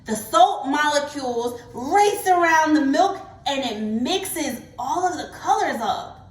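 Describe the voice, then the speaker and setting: Animated high-pitched woman hosting kids' science. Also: slow. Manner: excited, encouraging talk to a young child, with gasps and exclamations. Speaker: host of a family kids' science show. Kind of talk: kids' educational demonstration to camera. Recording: echoey room.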